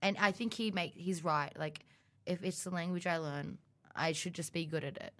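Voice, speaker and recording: A young adult Australian woman, a student co-hosting a podcast, chats casually with giggly, rambling, animated storytelling. Her voice is fairly low and her speed normal.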